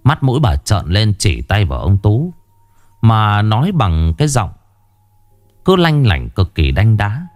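A man tells a horror story with a lowish voice. His delivery swings widely in pitch and stays dramatic. Faint music plays softly behind him. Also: big pitch swings, unhurried, dry recording.

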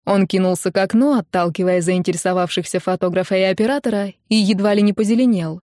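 A woman narrating a comedic first-person audiobook in a wry, lively manner. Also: mid-range voice, fast, dry recording, studio quality.

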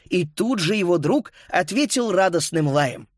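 A man narrating a children's story as an audiobook, lively and voicing each child. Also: high voice, a little slow, dry recording, studio quality.

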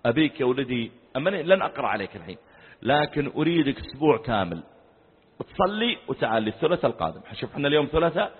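A man's voice: mid-range voice, sing-song, rapid-fire, slightly rough. A middle-aged man with a Saudi Gulf Arabic accent gives an emphatic sermon, acting out a conversation with a student. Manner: emphatic, acts out dialogue with a student. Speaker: preacher. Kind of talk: sermon with storytelling. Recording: phone-like lo-fi audio with long hall reverb.

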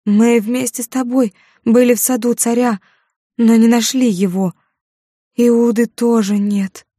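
A woman doing a frenzied dying young woman, wailing high. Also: fairly even intonation, a little slow, dark tone, no room sound, clean studio sound. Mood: faint, grieving.

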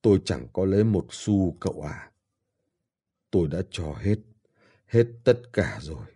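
A man's voice: low-pitched, big pitch swings, measured pace, warm tone, slightly rough, exaggerated voice. A man reading an audiobook and voicing a frail dying old father in pain, who speaks in a weak, pleading way and pines for his daughters. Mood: despairing.

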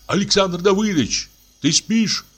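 A man's voice: mid-range voice, very animated, normal speed, breathy edge, pitched above the performer's own voice. A man reading an audiobook voices a nervous young man pleading with a friend in a trembling voice. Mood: pleading, desperate.

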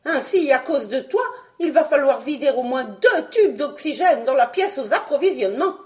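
A woman's voice: fairly high pitch, big pitch swings, unhurried. A woman reading an audiobook, voicing a stern, irritable old male scientist who scolds emphatically. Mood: scolding.

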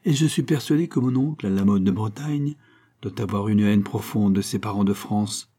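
A man reading an audiobook, voicing an earnest young nobleman who speaks eagerly and a little higher than his narration. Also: moderate pace, mellow, close to an everyday voice. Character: young duke, earnest nobleman near thirty.

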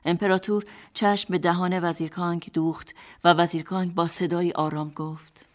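A woman narrating a radio drama fairy tale in calm, scripted storytelling. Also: fairly low pitch. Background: faint music.

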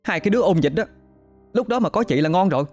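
A man voicing a fiery, outspoken young woman, who scolds loudly and swears in outrage. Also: on the high side, animated, a little fast, faint music behind, voice pushed up. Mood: furious.

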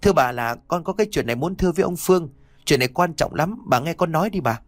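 A man's voice: medium pitch, lively intonation, brisk, dry recording, natural voice. Man voicing a timid ragged youth, shaky and deferential, audiobook. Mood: pleading. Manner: trembling, pleading. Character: poor frightened young man pleading.

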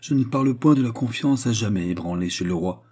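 A proud and wounded queen, bitter and reproachful as she presses her questions, read by a man. The voice is low, dark and husky, in an audiobook reading of a novel. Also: animated, fairly quick. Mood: melancholy, bitter.

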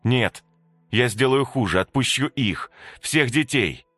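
A fierce young woman who stands guard like a mother over lost children, as a male narrator puts her on. She speaks high and insistent, pleading and commanding by turns, her pitch rising and falling with feeling. The sound is dry and close. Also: expressive, slow, a bit bright, no room sound, soft background music. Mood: urgent, commanding.

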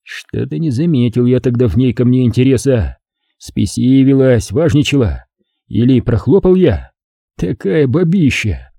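Guy doing a soft teasing grown man, fatherly, dark husky voice. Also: mid-range voice, big pitch swings, a little slow, no echo, clean studio sound, heavily acted. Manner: warm teasing, fatherly banter. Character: grown man, tender, teasing and a bit awkward. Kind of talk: audiobook reading.

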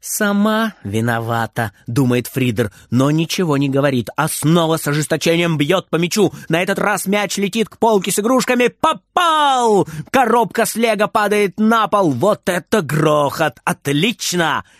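A man reads a children's story aloud, expressive and animated. His voice sits a little high and moves a great deal, and the recording is dry and close. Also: normal speed, no room sound.

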